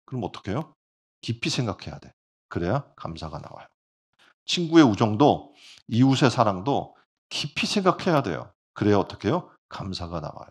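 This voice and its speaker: A male pastor at medium pitch preaches animatedly, often putting rhetorical questions to the congregation.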